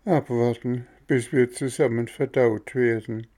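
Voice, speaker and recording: A man voicing a calm, resigned dolphin with a hoarse voice, speaking in a raised register. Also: mid-range voice, unhurried, pitched above the performer's own voice, natural voice.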